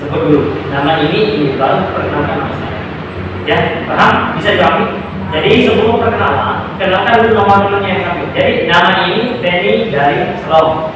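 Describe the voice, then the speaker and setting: A male school counselor runs a group counseling session, explaining things patiently and making sure everyone follows. He speaks quickly in a high-pitched voice. The recording is noisy and distant, captured in an echoey room.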